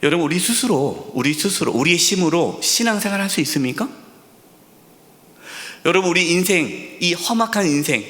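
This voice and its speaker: A man's voice: high-pitched, lively intonation, moderate pace. Emphatic man preaching in a reverberant church. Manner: emphatic preaching with rhetorical questions and repetition; drops to a soft near-whisper on key words. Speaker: senior pastor. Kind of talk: sermon at a Friday prayer service. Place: church sanctuary. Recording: long hall reverb in a church sanctuary.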